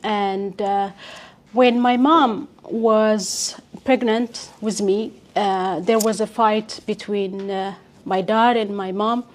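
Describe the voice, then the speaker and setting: A young woman from Ethiopia, telling her life story as an interview guest in a halting way with many pauses and fillers. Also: mid-range voice.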